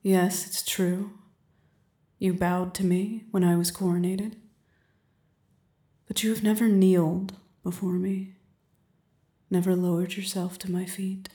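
Casting: an imperious, seductive queen played by a woman, flat, mellow, slow delivery with frequent whispers, roomy echo. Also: on the low side, close to an everyday voice. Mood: regal, commanding. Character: commanding, seductive adult queen on her throne. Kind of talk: audio roleplay.

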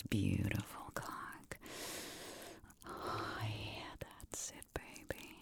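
A woman whispering an ASMR roleplay close to the mic, with a breathy, teasing and dominant way of speaking. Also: very deep voice. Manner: slow, teasing, dominant murmuring close to the ear.

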